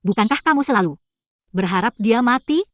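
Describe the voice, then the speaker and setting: An actress voicing a young heroine in a dubbed short drama, by turns pleading and defiant. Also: female voice, fairly high pitch, animated, a little fast, no echo, close to an everyday voice. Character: defiant young heroine, desperate to protect her grandma.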